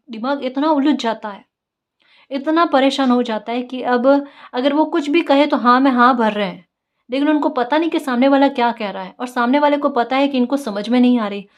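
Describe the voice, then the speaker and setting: A woman's voice: sits high, muffled recording. A woman tarot reader giving casual spiritual guidance, coaxing and encouraging, often asking her listeners "right?" and repeating key phrases.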